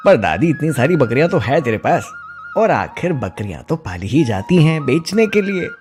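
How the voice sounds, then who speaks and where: A man's voice: mid-range voice, very animated, normal speed, darkish tone, faint music behind, close to an everyday voice. A man playing a greedy, sly goat thief. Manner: wheedling, mocking. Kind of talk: cartoon voice acting.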